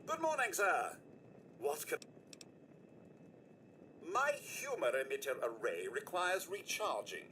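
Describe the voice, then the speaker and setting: A cheerful mechanical butler speaks in a high, bright voice with a slightly synthetic edge. His delivery is overly smooth and polite, sweeping up and down in pitch as he offers service and bad jokes. A faint hiss of noise sits behind him. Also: wildly swooping pitch, slow pace, long pauses, full character voice. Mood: polite, joking. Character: chipper mechanical male butler robot, formal and joking. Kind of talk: video game character dialogue.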